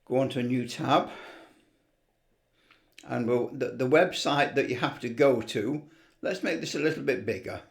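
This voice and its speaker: A middle-aged or older man presents a hobby video in casual, unscripted vlog talk, rambling and enthusiastic. His voice is gravelly and medium-pitched, moving at a moderate pace with long pauses.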